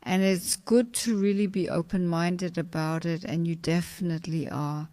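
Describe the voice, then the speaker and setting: A woman in her fifties hosts an interview, speaking in an affirming, encouraging way. Her voice sits a little low and sounds smooth and resonant, recorded dry. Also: fairly even intonation, normal speed, dark tone, no room sound. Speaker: host. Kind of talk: conversational interview.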